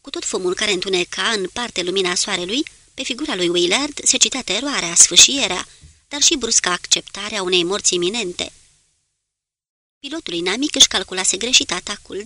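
A woman narrates a naval war story as an audiobook, her delivery steady and measured. Her voice is bright and forward, sitting at an ordinary pitch for a woman. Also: dry recording.

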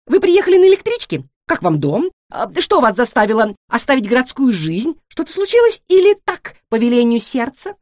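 A woman's voice: a little high, no room sound, clean studio sound, pitched above the performer's own voice. A woman voicing a chatty, nosy young female guinea pig in a storybook, firing off questions one after another. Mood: chattering. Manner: rapid-fire questions, excitable and squealing. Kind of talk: storybook reading.

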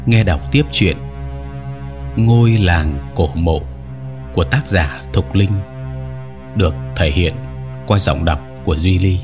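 A man narrating a horror story as an audiobook reader, telling it in the first person with steady, measured delivery. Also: sits low, music in the background.

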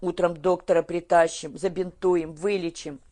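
A woman voicing an excitable, protective young man in an audiobook. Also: fairly low pitch, normal speed, lightly acted. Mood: soothing. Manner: agitated, then hushed.

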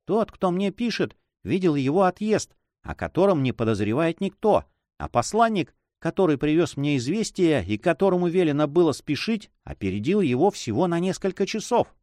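A man reading a story aloud, voicing a frightened young noblewoman who pleads softly and emotionally with her brother. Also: on the high side, sing-song, normal speed, hardly any pauses, no room sound, studio quality, pitched above the performer's own voice. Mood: worried. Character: anxious young noblewoman, the hero's sister.

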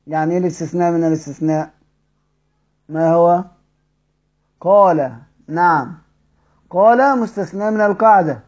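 High-voiced Egyptian man teaching Quran recitation. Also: a little mellow, muffled recording. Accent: Egyptian Arabic. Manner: explains quickly in colloquial speech, then recites verses slowly and drawn out; addresses students directly with questions. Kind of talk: Quran tajweed lesson mixing explanation and slow recitation.

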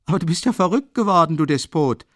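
A man reading the part of a tipsy, loud young man who talks in a booming, boisterous way. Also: big pitch swings, moderate pace, vocal fry, dry recording, studio quality, exaggerated voice. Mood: thundering.

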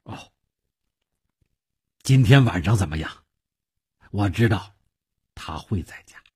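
Man reading as sly older rich uncle, husky and unhurried, calm persuasive manner. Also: low-pitched, voice pushed down, exaggerated voice. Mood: calm scheming. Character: shrewd older wealthy male uncle, calm and scheming.

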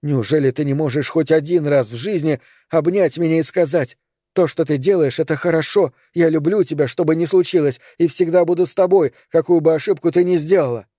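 Sarah is a fiery, distraught young woman in an audiobook, as a male reader puts her on. Her voice is pitched up, with a mellow, dark tone in a dry studio sound. She pleads and protests loudly. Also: fairly quick, no room sound, close to an everyday voice. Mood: indignant. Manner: pleading, raised.

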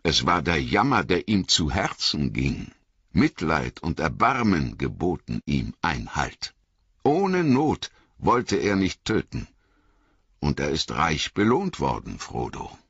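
A man voicing an old, wise male wizard who speaks in a grave, measured way with emphatic repetition, in an audiobook reading. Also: extremely low pitch, wildly swooping pitch, a bit bright, breathy edge, no echo, full character voice. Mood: admonishing. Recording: dull lo-fi audiobook recording.

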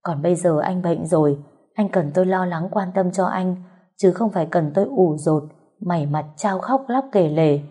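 Husky Southern Vietnamese woman telling a story. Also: on the low side, normal speed, mellow. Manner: emotional, heartfelt storytelling. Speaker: narrator. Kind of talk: first-person audio story narration.

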